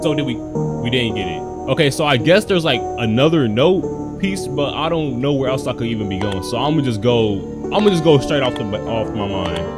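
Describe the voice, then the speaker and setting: A man's voice: medium pitch, lively intonation, brisk, few pauses, loud music behind the voice. A young American man giving casual, slangy gameplay commentary as a streamer, reacting aloud into a close microphone. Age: young adult. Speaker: gaming streamer. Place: small indoor bedroom setup.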